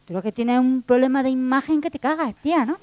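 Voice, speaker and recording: A cocky, street-smart female Lie from a spoken folktale, as a storyteller puts her on. She bosses and nags in rough slang, brisk and blunt. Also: high-pitched, a little mellow, natural voice. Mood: brash, bossy. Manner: blunt slangy bossing, calls others "tía". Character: brash, slangy, bossy female Lie, showy and street-wise.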